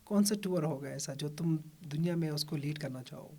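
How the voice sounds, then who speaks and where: A man's voice: a little high, darkish tone, slightly rough. A man hosting a casual podcast interview, chatty and mixing English words into his questions. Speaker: podcast host.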